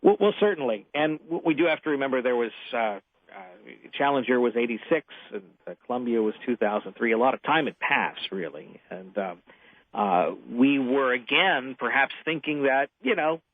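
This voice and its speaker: A man's voice: medium pitch, lively intonation, dry recording. Reflective man reporting over a phone line. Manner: reflective, halting with many restarts. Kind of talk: radio call-in commentary.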